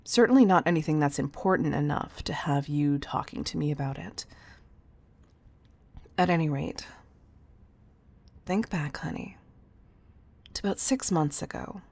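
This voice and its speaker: A woman plays a composed, commanding CEO in an intimate roleplay audio, measured and teasing, patronizing yet affectionately firm. Her voice sits low with a darkish tone, and her mood comes across as patronizing and probing.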